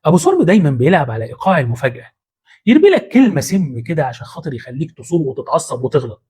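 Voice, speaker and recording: A man's voice: on the high side, very animated, very fast, darkish tone, husky. A man with an Egyptian Arabic accent hosting a motivational psychology talk in a colloquial, punchy way with street-slang asides. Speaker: host.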